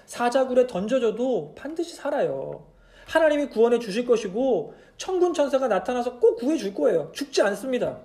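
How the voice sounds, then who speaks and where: A man's voice: very high voice, mellow. A male pastor preaching a midweek church sermon, asking the congregation many rhetorical questions. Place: church service.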